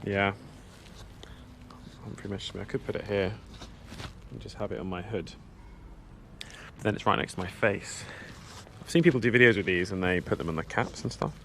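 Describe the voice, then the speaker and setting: Streaming live from a café stop in central London, this thirty-something British motorcycle vlogger talks to viewers in a relaxed, self-mocking way through a small helmet-mounted action-camera mic. His gravelly voice sits on the low side at a normal pace, with frequent pauses and a fairly bright tone. Slight hiss or hum is audible.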